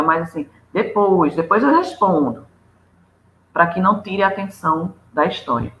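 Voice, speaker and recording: A woman's voice: fairly low pitch, a bit bright, a little hiss or hum. Woman lecturing in an echoey room. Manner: didactic, listing tips with examples. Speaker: lecturer on storytelling.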